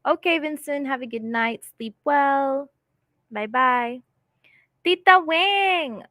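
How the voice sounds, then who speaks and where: Taking things slowly, this chatty woman runs a live stream in her native English, laughing a lot as she reads out comments from viewers. Her voice is high-pitched with a sharp tone, recorded in studio quality with no room sound.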